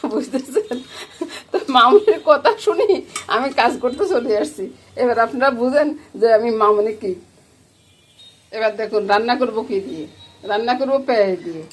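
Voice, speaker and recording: Middle-aged woman, Noakhali Bengali accent, fairly high voice, chatty cooking vlog, loud frying and sizzling behind. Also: fairly quick. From Bangladesh. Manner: chatty, keeps asking viewers "you get it?". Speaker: cooking vlogger. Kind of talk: casual cooking vlog chat. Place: home kitchen. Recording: loud kitchen frying noise.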